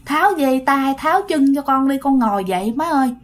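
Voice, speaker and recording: A woman's voice: high-pitched, expressive, brisk, voice pushed up. A woman with a Southern Vietnamese accent voicing a frail young woman, just back from death, speaking in a weak, faltering whisper.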